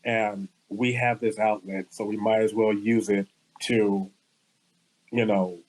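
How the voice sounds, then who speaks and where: A man's voice: on the low side, flat delivery, takes it slowly, low-quality recording. A man from the Los Angeles area co-hosting a podcast, speaking in a heartfelt and thoughtful way. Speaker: podcast co-host. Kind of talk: casual podcast conversation.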